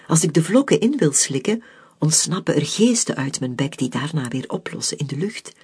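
A storyteller reading a children's story aloud, expressive, with soft whispered passages. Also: mid-range voice, normal speed, husky.

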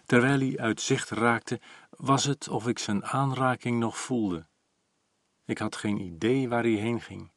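A man in his forties calmly reading a first-person story aloud, even and reflective. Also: medium pitch, unhurried, dry recording, clean studio sound. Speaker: audiobook narrator.

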